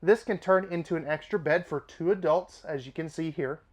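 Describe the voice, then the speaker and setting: A man with a fairly high voice walks viewers through a travel trailer at a moderate pace in an RV dealership product tour. Allergies make him sound slightly nasal, and he stays upbeat and chatty with offhand asides.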